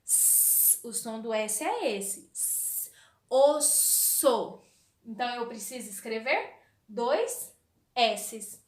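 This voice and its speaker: A woman teaching a recorded spelling lesson to young children, talking slowly in a sing-song way and asking questions she answers herself. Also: a little high, sing-song. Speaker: primary school teacher. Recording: echoey room, voice off-mic.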